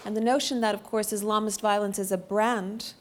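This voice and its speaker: A woman's voice: mid-range voice, steady tone, a little fast. Woman, panel moderator, mid-range voice, composed and articulate.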